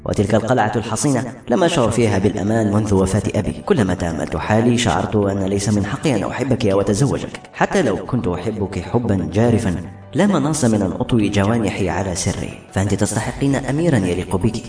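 A man reading the lines of a poor young knight, earnest and halting, in an audiobook. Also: fairly low pitch, animated, darkish tone, lightly acted. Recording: roomy with faint music.

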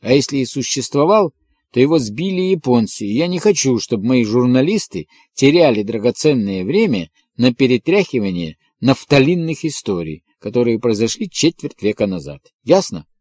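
A man reading an audiobook and voicing a gruff, irritable colonel who runs a newspaper and growls at his reporter. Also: mid-range voice, lively intonation, moderate pace, no room sound, studio quality. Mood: indignant. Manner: growling, shouting, blustering.

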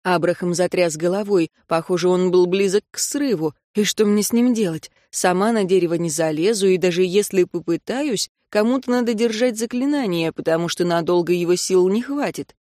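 Female narrator for a first-person audiobook: expressive, lively, dry studio-close sound. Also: lowish voice, normal speed, few pauses, no room sound.

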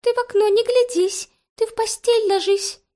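A woman's voice: extremely high pitch, steady tone, normal speed, mellow, voice pushed up. A woman voicing a small grey bird that chants its lines in rhyme. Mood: urgent.

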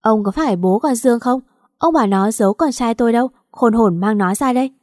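A woman voicing a wealthy woman in her forties who shouts, curses and scolds scornfully in an audio story. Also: a little high, brisk, no echo, studio quality, natural voice. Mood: scolding. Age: 40s. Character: shrill furious wealthy older woman.

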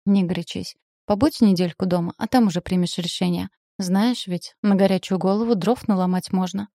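A woman reading the lines of a calm, practical female friend who soothes and persuades in a storybook. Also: lowish voice, fairly quick, no room sound, clean studio sound, close to an everyday voice. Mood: soothing. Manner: calming, persuasive.

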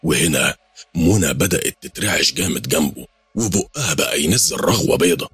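Egyptian male horror narrator, brisk storytelling, very deep voice, fast pace. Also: expressive, fairly bright tone, husky, no echo, studio quality, faint music behind. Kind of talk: first-person horror storytelling.

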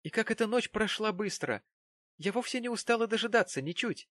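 A man doing a gentle, timid young wife in a storybook reading, raising his voice high and soft. She sounds meek and pleading, recorded close and dry. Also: animated, moderate pace, no echo. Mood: falsely cheerful. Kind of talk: audiobook character voice.

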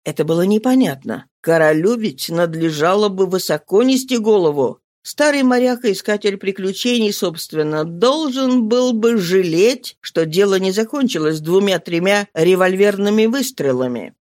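An audiobook narrator giving a dramatic, expressive literary reading. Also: medium pitch, normal speed, few pauses, no echo, clean studio sound.

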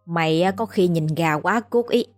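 A woman's voice: lowish voice, normal speed, soft background music, lightly acted. Woman doing an old village grandmother for a spoken story; blunt, scolding, down to earth. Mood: dismissive.

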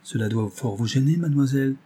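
A man's voice: medium pitch, fast, dark tone, slightly rough, close to an everyday voice. A man doing a stern, curt doctor. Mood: probing. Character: stern male doctor, cool and probing.

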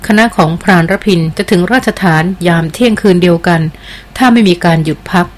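A woman's voice: lowish voice, a little fast, lightly acted. A woman reading aloud as a loyal jungle queen who speaks with earnest, deferential respect in an audiobook.

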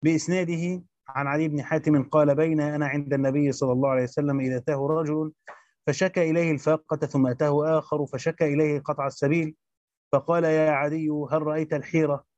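A man reading a Quran commentary aloud as a teacher, rushing through the text and stopping for short explanations. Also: fairly high pitch, flat delivery, a little mellow, no echo, lo-fi sound. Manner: rapid recitation with brief spoken explanations.

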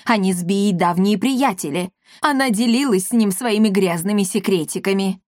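A hoarse, wheedling storybook crook, a cowardly grown man caught out and whining his excuses, as a woman reads him. He talks a little higher and slower than a plain reading voice. The sound is close and dry. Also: a little mellow, no echo, close to an everyday voice. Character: scheming cowardly male swindler, whiny.

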